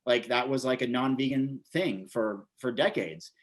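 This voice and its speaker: This American man in his forties speaks in a mid-range voice at an unhurried pace. He's an interview guest, a vegan bodybuilder and author, telling stories casually, rambling and repeating his words as he goes.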